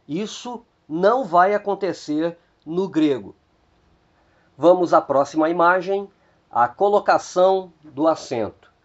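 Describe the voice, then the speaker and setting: Slow, deliberate Brazilian male teacher. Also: fairly high pitch. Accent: Brazilian Portuguese. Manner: slow and deliberate, repeats each Greek word twice. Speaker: Biblical Greek teacher. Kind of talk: slow video lesson. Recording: dull lo-fi recording.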